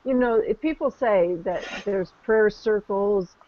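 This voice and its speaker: A woman calmly guiding a session, gentle and affirming, talking soothingly about calm and connection. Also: mid-range voice, unhurried, noisy background. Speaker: session facilitator. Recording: dull lo-fi recording.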